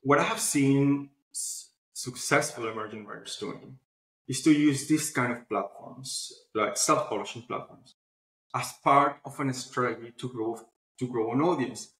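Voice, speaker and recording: The founder of a publishing platform answers interview questions conversationally, speaking unhurriedly in a mid-range, slightly bright voice. His explanations echo around a roomy space.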